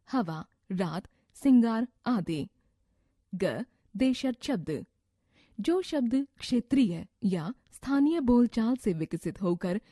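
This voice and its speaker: A woman reading a scripted grammar lesson from a textbook, slowly listing word examples one by one. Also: mid-range voice, dark tone, breathy edge, no echo, clean studio sound. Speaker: textbook narrator.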